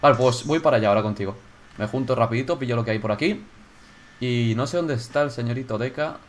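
Excitable gamer narrating his game. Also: medium pitch, fast talker. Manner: excitable, swears, shouts when startled. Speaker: gaming YouTuber. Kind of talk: casual gameplay commentary.

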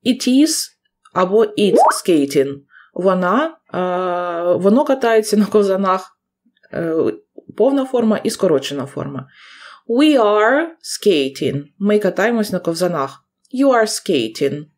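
Hoarse woman teacher, video grammar lesson, slow careful reading of examples, middle pitch. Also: animated, a little mellow. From Ukraine. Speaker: English teacher.

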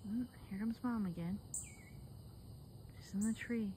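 A woman filming birds in her yard on a phone, quietly narrating what she sees in a casual way. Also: medium pitch, unhurried, slight background noise. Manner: softly commenting while filming wildlife. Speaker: homestead vlogger. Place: outdoors in a yard by a house. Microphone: phone camera held by the speaker.

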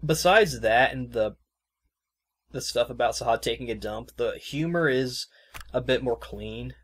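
A male podcast host with an ordinary mid-range voice, talking loosely about a game. His sentences wander and restart, and he pads them with fillers. His tone stays casual and easygoing. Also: medium pitch. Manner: rambling, loose and conversational with many fillers. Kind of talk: casual chat.

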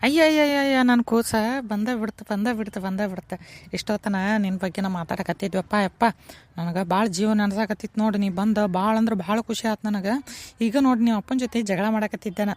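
A woman's voice: medium pitch, fairly even intonation, fairly quick, a little mellow, natural voice. A woman with a North Karnataka Kannada accent voicing a fussy, doting village mother who scolds and nags in a cartoon. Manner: scolding and nagging. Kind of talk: cartoon voice acting.

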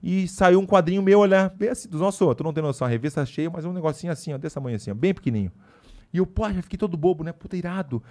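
A man talking as a podcast guest, his speech quick and rushing forward. He spins a casual story full of slang and side remarks, keeping it lively. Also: high-pitched. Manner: animated, slangy, with frequent asides.

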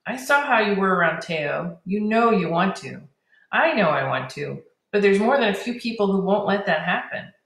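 A woman's voice: medium pitch, expressive, normal speed, vocal fry, fairly bright tone. A woman voicing an earnest, wistful young man who trains dragons, speaking in a heartfelt way, in a storybook reading. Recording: roomy echo.

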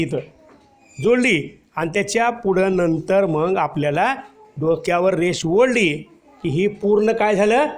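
Patient male teacher drilling young pupils. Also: sits high. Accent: Marathi. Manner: patient, repeats questions and answers to children. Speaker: primary school teacher. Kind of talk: classroom teaching of first-grade children.

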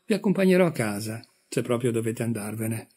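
A man's voice: mid-range voice, brisk, breathy edge. A man reading aloud, voicing a young husband who answers with sudden liveliness. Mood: polite. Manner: suddenly animated, bright. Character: young married man, eager dinner host.

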